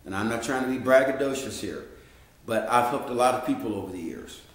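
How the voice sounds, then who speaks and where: A man's voice: medium pitch, animated, brisk. A middle-aged man giving a folksy, direct educational talk as a health coach, calling his listeners "guys". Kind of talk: educational monologue. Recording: very echoey room.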